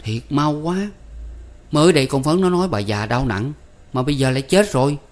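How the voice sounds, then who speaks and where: A man voicing a gruff young village man who grumbles bluntly, with a Southern Vietnamese accent. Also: a little high, a little fast, darkish tone, voice pushed up, close to an everyday voice. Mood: surprised.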